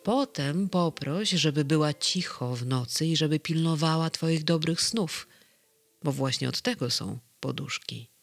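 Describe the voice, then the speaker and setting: A reader voicing a calm, kindly male keeper of dreams in a bedtime story, speaking gently and a little solemnly. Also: mid-range voice, unhurried, vocal fry, faint music behind. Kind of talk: children's storybook reading.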